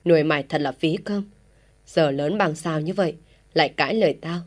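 A woman's voice: low voice, moderate pace. A woman reading an audio story voices a furious, stern old village father who scolds his son harshly. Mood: furious scolding.

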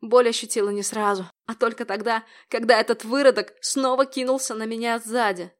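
A woman's voice: on the high side, steady tone, fairly quick. A young adult woman narrating a first-person audiobook in a tense, dramatic way.

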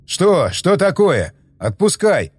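A man voicing a blunt male soldier who talks crudely and shouts orders. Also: high voice, sing-song, takes it slowly, slightly rough, no room sound, exaggerated voice. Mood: urgent.

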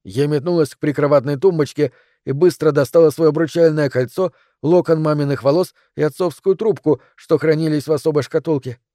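A man narrating an audiobook in a measured, dramatic reading. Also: on the high side, dark tone, dry recording, studio quality. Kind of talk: scripted narration.

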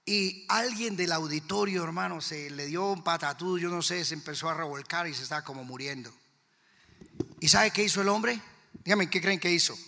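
A man's voice: fairly high pitch, normal speed, vocal fry, bright, forceful tone, in a large hall. A man with a Colombian accent preaching a fervent sermon to his congregation in church, firing rhetorical questions at the listeners. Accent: Colombian Spanish. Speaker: pastor.

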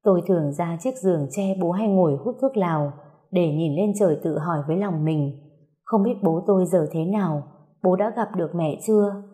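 A woman narrating a first-person ghost-story website tale in a measured, sorrowful way. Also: on the low side, warm tone.

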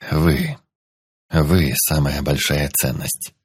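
A man voicing a cold, sinister surgeon who speaks slowly in a quiet hiss. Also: rumbling low, steady tone, slightly rough, no room sound, clean studio sound, pitched below the performer's own voice, heavily acted. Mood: menacing. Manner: slow hissing quiet delivery. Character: cold sinister male surgeon, soft-spoken.

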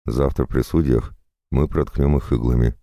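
A man's voice: a bass voice, fairly even intonation, moderate pace, mellow, dry recording, clean studio sound. A man voicing a burly, drunken jailer-monk who lectures and leers at his prisoner in a storybook reading. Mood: preachy. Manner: preachy, leering.

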